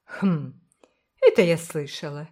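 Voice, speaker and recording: Woman doing a bossy-kind older lady, loud and firm, mellow warm tone. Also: deep voice, takes it slowly. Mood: emphatic. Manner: firm, emphatic, motherly. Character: brisk, kindly older village woman.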